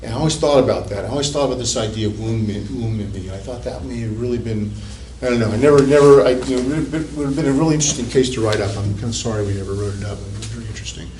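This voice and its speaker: Captured from afar in an echoey classroom with faint room hiss, a male psychology professor talks rapid-fire in a low, darkish voice. His conversational university lecture wanders, full of restarts and repeated words.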